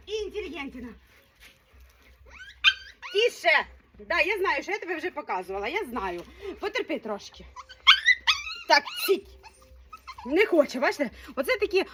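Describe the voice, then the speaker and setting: A woman's voice: sits high, big pitch swings, brisk, long pauses, background noise. A woman dog breeder in a casual vlog, talking playfully and in baby talk to her puppies, laughing now and then.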